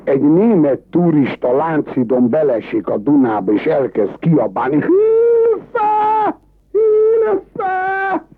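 A man telling bawdy cabaret jokes in a lively, colloquial storyteller manner, heard on a tinny old cassette dub. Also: mid-range voice, few pauses, a little hiss or hum. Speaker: joke teller.

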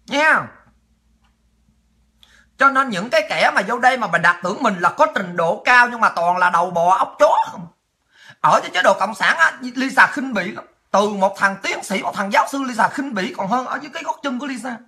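A woman's voice: a little high, lively intonation, brisk, bright, forceful tone. A woman hosting a political livestream, ranting angrily and taunting her critics with profanity. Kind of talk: angry ranting monologue.

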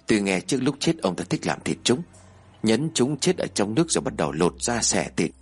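Man doing a hushed gossiping village woman. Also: fairly low pitch, very animated, brisk, breathy edge, exaggerated voice.

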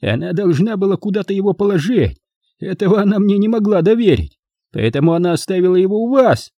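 A man's voice: sits high, very animated, normal speed, dark tone, husky, dry recording, lo-fi sound, pitched above the performer's own voice, exaggerated voice. A man reading an audiobook, voicing a sneering young man with a gun who mocks and drawls in a nasty way. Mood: mocking. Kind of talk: audiobook character voice.

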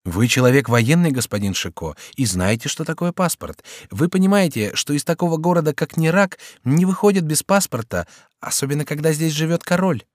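A man's voice: a little high, lively intonation, no room sound, clean studio sound, pitched above the performer's own voice, natural voice. A man playing a polite, fussy gate officer. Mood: insistent. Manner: courteous, apologetic, hurried.

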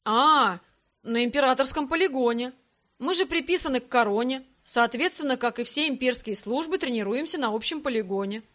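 A woman's voice: high voice, fairly bright tone. Woman reading a blunt military captain. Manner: deliberate, blunt.

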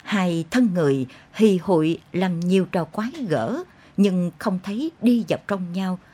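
A woman narrating a dark literary story in an intense, expressive way. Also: lowish voice, unhurried, breathy edge. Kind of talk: dramatic audiobook narration.

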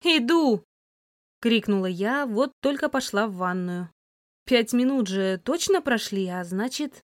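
A woman narrating a first-person novel as an audiobook, lively and voicing the heroine's sharp retorts. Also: medium pitch, a little slow, dry recording, studio quality.

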